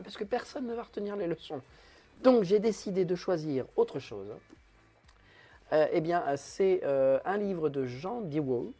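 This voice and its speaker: A man's voice: mid-range voice, vocal fry, warm tone, husky. A man hosting his own web TV show, rambling and self-mocking with many hesitations. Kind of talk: comic solo live stream.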